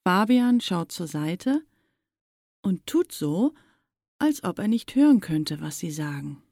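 Female storybook narrator, gravelly, dry close sound, expressive. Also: on the low side, slow, dry recording. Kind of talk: children's story reading.

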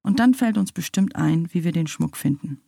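A woman doing a calm, curious boy. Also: lowish voice, moderate pace, gravelly, husky, no room sound, studio quality, exaggerated voice.

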